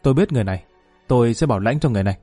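A man's voice: medium pitch, animated, racing, dark tone, breathy edge, no room sound, soft background music. A man voicing a decisive army general who gives firm orders in a story reading. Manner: firm, commanding.

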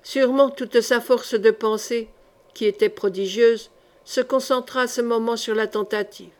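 A woman reading a historical novel aloud as an audiobook, with measured, expressive narration. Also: fairly high pitch. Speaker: audiobook reader.

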